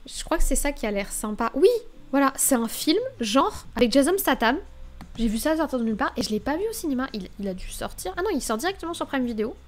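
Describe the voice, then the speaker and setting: Chatty young woman streamer, slightly high. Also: animated, fast talker. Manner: chatty and scattered, thinking aloud while browsing. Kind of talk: casual live-stream chat.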